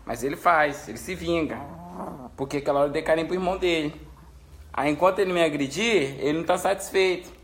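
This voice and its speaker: A man coos and pleads in doting baby talk, his voice pitched fairly high. He streams live from home over a clearly noisy background with a dog barking. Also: fast talker. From Espírito Santo, Brazil. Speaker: pet owner streaming live. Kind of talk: casual live-stream chat.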